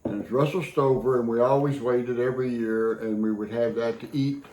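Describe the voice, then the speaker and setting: A man's voice: medium pitch, fairly even intonation, moderate pace, noisy background. An older man, telling childhood stories with dry, laid-back humor in a home vlog. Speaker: host's husband, guest. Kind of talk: casual home vlog chat. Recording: echoey room.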